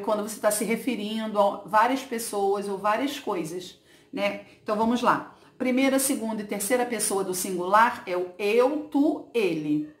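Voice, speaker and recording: A woman's voice: mid-range voice, echoey room. A woman teacher going over a lesson for her pupils, explaining patiently and often checking in to make sure they follow. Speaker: schoolteacher. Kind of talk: recorded remote lesson for pupils.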